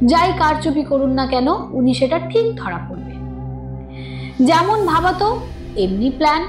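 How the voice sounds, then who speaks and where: Reading a scripted suspense tale as a horror audio narrator, a woman tells it dramatically in a high, animated voice at a measured pace. Her voice echoes in the studio over background music.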